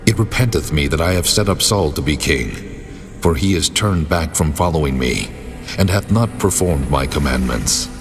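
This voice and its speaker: A man's voice: a bass voice, animated, moderate pace. A man voicing God, solemn and grieved, in a dramatized scripture reading. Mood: solemn regret. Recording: long cavernous reverb over music.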